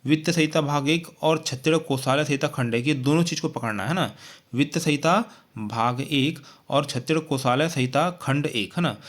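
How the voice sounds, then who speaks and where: A man's voice: a little high, fairly bright tone. A man teaching an exam-prep lesson, repeating points and checking in with frequent tag questions.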